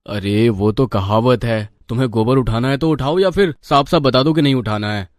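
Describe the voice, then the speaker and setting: A man's voice: mid-range voice, normal speed, no room sound, clean studio sound, lightly acted. A man voicing a young husband in a cartoon story, blunt and reproachful. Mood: stern. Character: young husband, stern then apologetic.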